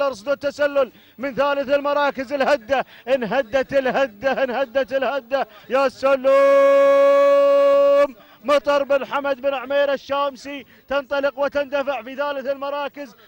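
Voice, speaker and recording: A man calling a camel race live, chanting rapid, breathless repetitions of phrases. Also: very high-pitched, fairly even intonation.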